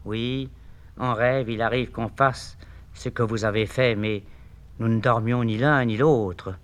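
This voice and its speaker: An older man voicing a quiet, earnest male glazier who answers carefully. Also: mid-range voice, steady tone, unhurried, close to an everyday voice. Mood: defensive.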